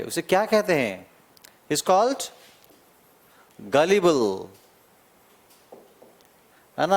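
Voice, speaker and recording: Male teacher, high voice, slow drawn-out explaining for an exam-prep lesson, repeats key words. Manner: explains slowly, drawing out key words and repeating them, checking in with "है ना?". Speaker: English teacher.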